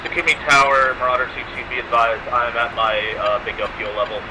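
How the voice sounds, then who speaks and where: A man's voice: mid-range voice, steady tone, fast talker, noisy background. A man making clipped radio calls to a tower as a flight sim pilot, muffled as if through an oxygen mask radio.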